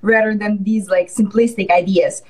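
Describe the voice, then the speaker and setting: A woman host asking questions in a warm-hearted, encouraging, chatty way. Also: medium pitch, steady tone, moderate pace, poor audio. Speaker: podcast host. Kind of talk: casual interview chat.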